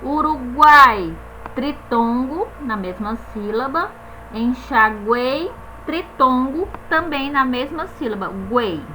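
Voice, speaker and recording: High bright-voiced woman teaching grammar. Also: animated, slight background noise, poor audio. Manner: stresses each example word slowly, spells out letters, tags "né?". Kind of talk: grammar lesson explanation.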